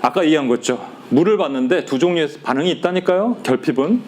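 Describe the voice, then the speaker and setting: Guy preaching to a small group, lively up and down voice, acts out what people say. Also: on the high side, fast, slight background noise. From Korea. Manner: animated, acts out quoted complaints, addresses listeners directly. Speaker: pastor.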